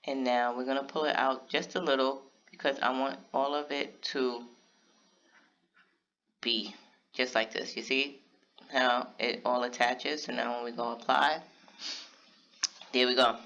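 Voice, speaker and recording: A man with a bright, forceful voice gives casual, step-by-step narration for a craft tutorial, speaking straight to his viewers. The recording sounds a little dull and lo-fi. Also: medium pitch, steady tone, a little slow, pauses often. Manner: casual step-by-step explaining, talks to viewers directly.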